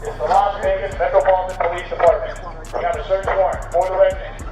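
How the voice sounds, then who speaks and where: A man, a police officer, making loud commanding announcements through a megaphone. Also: sits high, little pitch movement, fast, faint music behind. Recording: echoey, distant bodycam clip.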